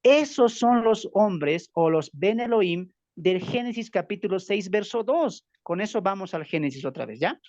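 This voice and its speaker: A man's voice: sits high, lively intonation, moderate pace, hardly any pauses, darkish tone, no room sound, lo-fi sound. A man from Bolivia with a Bolivian Spanish accent, teaching a Bible study lesson and firing rhetorical questions he answers himself. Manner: emphatic, keeps asking rhetorical questions and answering them.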